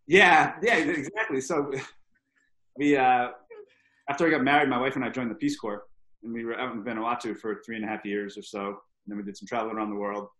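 A man in his thirties from Rhode Island, USA, is a podcast guest in a casual chat, telling relaxed, rambling stories at a brisk clip. His voice is middling in pitch, and the roomy recording carries a noticeable echo.

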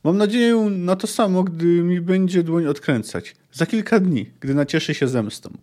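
A man's voice: sits high, normal speed, a little mellow, voice pushed up, natural voice. A man reading aloud the lines of a proud, bitter young female apprentice in an audiobook-style reading, with a reproachful, pointed delivery. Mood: wry.

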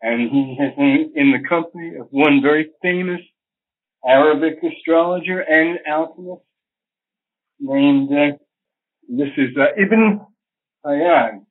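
A man's voice: on the high side, takes it slowly, long pauses. An older man, an astrologer, giving long scholarly answers in an interview, digressive and full of fillers. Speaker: astrologer guest. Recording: phone-line sound.

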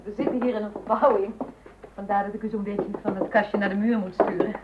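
An actress playing a polite office secretary who ushers visitors in formally. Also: female voice, mid-range voice, fairly even intonation, a little fast, highs cut off, very noisy, lightly acted. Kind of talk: radio drama acting.

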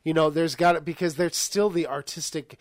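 A man co-hosting a podcast in casual chat, eagerly chiming in with quick remarks. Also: a little high, fairly even intonation, no echo, clean studio sound. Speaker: podcast co-host.

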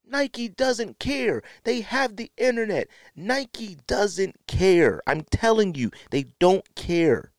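In a high-sitting voice, an American podcast host tells his stories slowly with few pauses, acting out quotes in a lively, slangy way. The casual podcast talk is recorded at studio quality, with no room sound.

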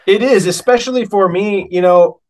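This American musician, a working player being interviewed, has a voice that sits high and moves at a moderate pace. His talk is casual, reflective and candid, often informal, with plenty of "man" and "you know" thrown in.

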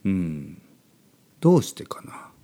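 A man's voice: sits low, big pitch swings, slow, warm tone. A man hosting a podcast for language learners in simple, unscripted talk, repeating and rephrasing key words as he goes. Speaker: podcast host for learners of Japanese.

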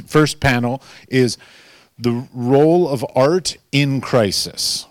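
A man's voice: mid-range voice, dry recording, clean studio sound. An American man with an American accent, informally hosting a live panel discussion as moderator. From United States. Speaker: panel moderator, podcast host.

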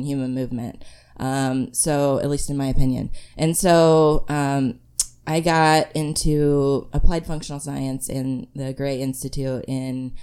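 A woman's voice: rumbling low, dark tone, smooth. A woman physical therapist, a guest on a podcast, who is losing her voice and speaks earnestly. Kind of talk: casual podcast chat.

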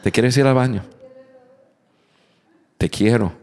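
A man telling funny personal stories in a talk to an audience, acting out shouts and laughing as he goes. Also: mid-range voice, slow pace. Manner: animated storyteller, acts out shouts and laughs. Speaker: speaker on communication.

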